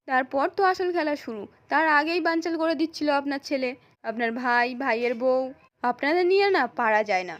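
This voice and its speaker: A sly, scheming middle-aged man plots in a smug, conspiratorial tone, as a woman narrator reads him. She keeps her own high, light voice, so he comes across as a schemer in a story recap. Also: moderate pace, lightly acted.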